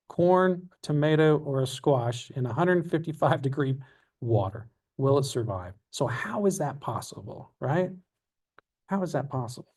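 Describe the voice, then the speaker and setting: A man giving a lecture as guest speaker, telling anecdotes in an animated way with many fillers. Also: a little high. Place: lecture room. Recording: distant from the mic.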